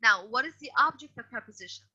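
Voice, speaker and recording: Bright-voiced woman teaching over a call. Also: a little high, lively intonation, fast talker, breathy edge. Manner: patient but firm, repeats and corrects students. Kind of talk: online grammar lesson. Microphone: video call. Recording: dull lo-fi video call audio.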